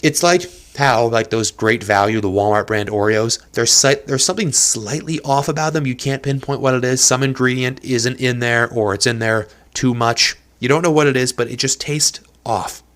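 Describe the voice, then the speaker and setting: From a small apartment, a young man hosts a casual solo podcast, rambling and poking fun at himself. His nose is stuffed up from allergies, and his mid-range, slightly bright voice moves at normal speed with few pauses.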